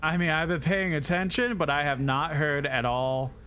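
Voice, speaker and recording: A man's voice: fairly high pitch, fairly even intonation, moderate pace, sharp tone, a little hiss or hum. A man streaming a game live, chatting casually, swearing now and then and reading chat messages aloud.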